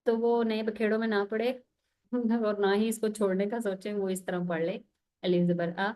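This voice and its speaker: A woman teaching an online recitation lesson, patiently explaining and sounding out letters slowly one at a time. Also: medium pitch, level tone, dark tone. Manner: patient, repeats "okay" to check understanding.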